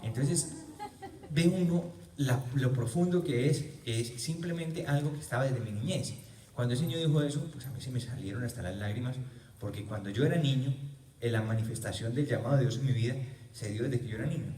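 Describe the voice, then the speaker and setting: A man's voice: medium pitch, brisk, dark tone. Man preaching in a roomy church. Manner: repeats phrases for emphasis, humorous storytelling. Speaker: preacher at a healing retreat. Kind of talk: sermon with personal stories. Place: parish church. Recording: roomy church, mic far off.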